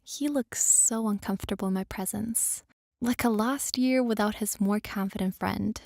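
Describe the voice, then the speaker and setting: A woman's voice: medium pitch, moderate pace, creaky, darkish tone, no room sound, clean studio sound. A woman reading a scripted first-person story as its narrator.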